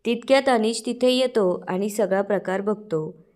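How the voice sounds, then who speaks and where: A woman recapping a TV serial episode in a steady, plain storytelling voice. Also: mid-range voice, normal speed.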